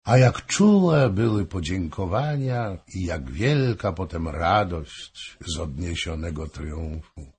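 A man narrating a historical novel in a measured, expressive storytelling manner. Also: low-pitched, slightly rough. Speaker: audiobook narrator.

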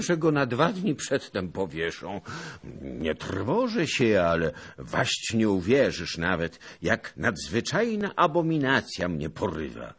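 A man voicing a boastful, blustering old nobleman who scoffs loudly and theatrically. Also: medium pitch, husky, pitched above the performer's own voice, exaggerated voice. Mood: uneasy grumbling.

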